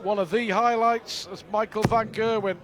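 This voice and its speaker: A man's voice: sits high, steady tone, normal speed. A man giving conversational, analytical live commentary on a darts match. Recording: clear crowd noise behind commentary. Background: arena crowd.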